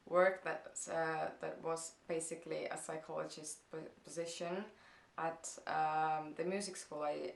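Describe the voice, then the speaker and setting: A gravelly, low-sitting female voice echoes through a room at her parents' house, where a young Estonian vlogger with an Estonian accent casually answers viewer questions in her first video. She is hesitant, slow, and thoughtful, saying "um" a lot.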